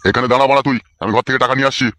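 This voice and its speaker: A man's voice: medium pitch, steady tone, very fast, fairly bright tone, dry recording, close to an everyday voice. A man playing a coarse older village uncle in a comic skit, who scolds and swears. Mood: gruff.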